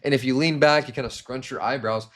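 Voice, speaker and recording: A young man in his twenties teaching sales to camera, energetic and demonstrating different tones with hand gestures. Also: medium pitch, fast. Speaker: sales trainer. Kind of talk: instructional talk to camera.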